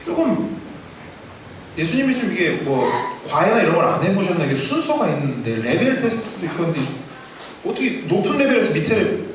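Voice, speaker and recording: A male pastor giving a sermon in a conversational, animated way, asking the congregation rhetorical questions, recorded from far off in an echoey church sanctuary. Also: high voice, brisk, noisy background.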